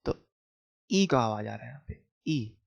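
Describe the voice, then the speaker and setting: A man with an Indian accent teaching children letter sounds in a slow phonics lesson, explaining patiently and checking whether they understood. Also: medium pitch, lively intonation, creaky. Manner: explains patiently, asks questions back to kids. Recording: dull lo-fi home recording.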